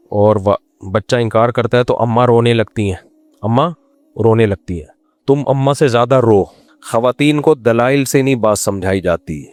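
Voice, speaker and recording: A man's voice: medium pitch, no echo. A man, a religious scholar answering questions with teasing humor, acting out quoted pleas.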